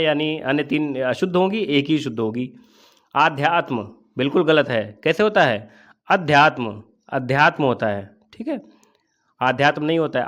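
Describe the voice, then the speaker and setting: A man's voice: fairly high pitch, a bit bright. A man teaching as an exam coach, explaining test answers step by step and asking questions he then answers himself. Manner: asks and answers his own questions.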